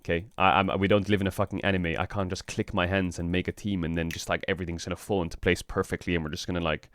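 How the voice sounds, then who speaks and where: Low-voiced man, flat and rambling. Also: fast, clean tone, dry recording, studio quality. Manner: frank and rambling, swears often; flat, low-energy delivery. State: just woke up. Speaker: streamer and esports team owner. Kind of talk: casual stream chat.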